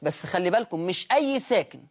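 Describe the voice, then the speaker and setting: A man with an Egyptian accent hosting a televised Quran recitation lesson. He speaks slowly and deliberately, drawing out example words and asking his students rhetorical questions. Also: sits high, animated. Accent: Egyptian Arabic. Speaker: Quran recitation teacher and show host.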